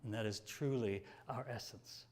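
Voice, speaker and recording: A male minister preaching a sermon, reading passages aloud, slow and tender on some lines and rising with emphasis on others, sometimes dropping almost to a whisper. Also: on the low side. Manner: drops to a near whisper at quiet moments.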